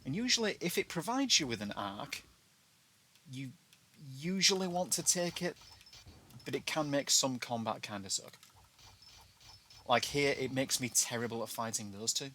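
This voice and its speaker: British guy doing a chatty game walkthrough, drops his t's with glottal stops, bright voice, bit of noise behind him. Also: medium pitch, lively intonation, moderate pace, pauses often. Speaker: video game player giving a walkthrough. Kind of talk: casual gameplay commentary. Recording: noticeable background noise.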